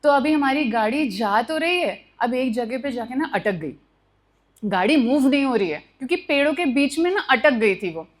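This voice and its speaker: High-voiced young woman telling a story. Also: normal speed. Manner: animated, acts out noises with sound words; mixes Hindi with English phrases. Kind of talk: live personal storytelling.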